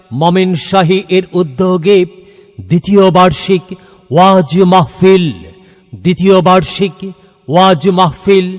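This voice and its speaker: A man reading a scripted promotional announcement in a formal, declamatory, phrase-by-phrase delivery that edges into chanting. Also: high-pitched. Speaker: announcer of a religious gathering advertisement. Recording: long hall reverb, music behind. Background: music.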